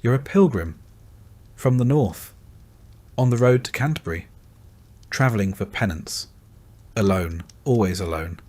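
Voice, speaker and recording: A man narrating a scripted bedtime story in a calm, gentle second-person voice. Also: fairly low pitch, measured pace, pauses often.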